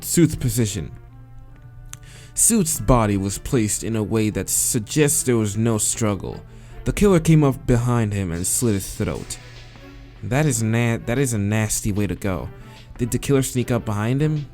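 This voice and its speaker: A man with a lowish voice and measured pace plays a visual novel, reading its dialogue aloud and reacting. Choosing answers brings hesitant muttering and swearing, followed by steady reading, with faint music behind.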